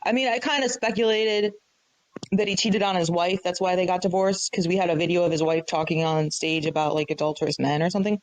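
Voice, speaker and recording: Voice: mid-range voice, fairly even intonation, fast talker, no echo, poor audio. Casual, rambling speaker on a dry line. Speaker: Clubhouse speaker. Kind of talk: casual live audio chat.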